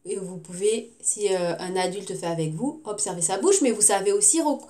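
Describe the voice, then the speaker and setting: A woman's voice: mid-range voice, mellow. A woman teacher giving a recorded phonics lesson to young children, sounding out words syllable by syllable. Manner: slow, clearly articulated syllables.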